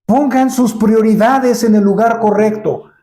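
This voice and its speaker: Man, sermon, rhetorical questions, high voice, echoey church room. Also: a little slow, dark tone. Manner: rhetorical questions, acts out Bible scenes. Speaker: preacher.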